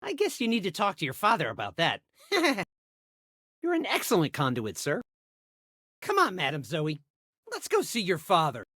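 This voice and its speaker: A man's voice: high voice, moderate pace, pauses often, no echo, clean studio sound, full character voice. An actor playing an eager, lovesick, awkward young male bodyguard in a video game. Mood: officious. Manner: excitable, awkward, hammy. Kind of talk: animated video game character acting.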